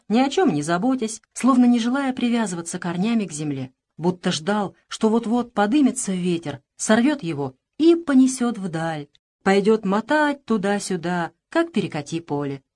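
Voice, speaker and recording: A woman narrating a literary audiobook in an expressive, measured storytelling manner. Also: mid-range voice.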